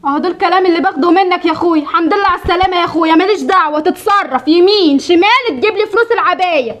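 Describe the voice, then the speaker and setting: A woman's voice: very high-pitched, rapid-fire, fairly bright tone. A woman playing a stubborn young wife with an Egyptian Arabic accent who keeps insisting and nagging in a comedy sketch. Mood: demanding. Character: demanding young wife fixated on a new robe.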